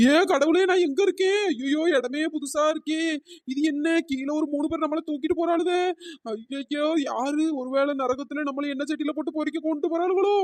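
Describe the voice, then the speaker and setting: A voice actor playing a feisty, quarrelsome old village woman in a cartoon, speaking in a pitch-raised cartoon voice, wailing and scolding dramatically. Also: dry recording.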